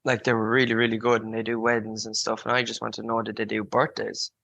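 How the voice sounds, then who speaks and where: A man's voice: fairly low pitch, completely flat delivery, fast talker, creaky, fairly bright tone, no room sound. A man in his early twenties chatting casually and colloquially, peppering his talk with filler words like "like". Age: early 20s. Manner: colloquial, frequent "like" and "you know". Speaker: podcast guest, student on work placement. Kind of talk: casual chat.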